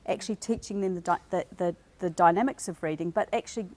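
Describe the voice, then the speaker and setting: A woman's voice: fairly low pitch, fast, darkish tone. Earnest woman explaining as an interview guest. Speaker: guest parent and reading advocate. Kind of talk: studio interview talk.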